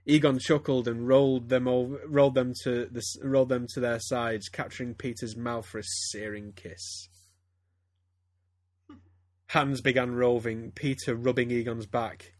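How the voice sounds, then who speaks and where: A man's voice: medium pitch, fairly even intonation, a little slow, darkish tone, no room sound. A man reading fan fiction aloud to friends, stumbling and breaking into laughter as he goes. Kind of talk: casual comedic reading aloud.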